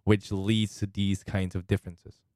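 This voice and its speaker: A man's voice: low-pitched, level tone, moderate pace, darkish tone, no room sound, clean studio sound. A man co-hosting a podcast, giving opinions with joking asides in casual talk. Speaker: podcast co-host. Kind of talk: casual discussion.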